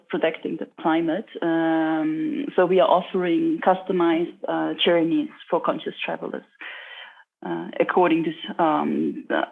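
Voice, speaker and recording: A woman answering interview questions earnestly, pausing often with ums and uhs. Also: on the low side, gravelly. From Austria. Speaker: guest, social entrepreneur. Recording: tinny phone-like line.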